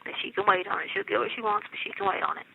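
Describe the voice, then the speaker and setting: A middle-aged American inmate talks very fast on a casual jail call, her slightly high, gravelly voice swinging widely in pitch. The tinny, narrow line carries a little hiss or hum. Colloquial and insistent, she often checks that she's understood.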